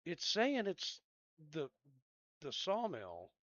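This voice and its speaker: A man giving casual gameplay commentary, rambling and thinking out loud in a laid-back, drowsy way. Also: fairly high pitch, huge pitch swings, slow, no room sound, muffled recording.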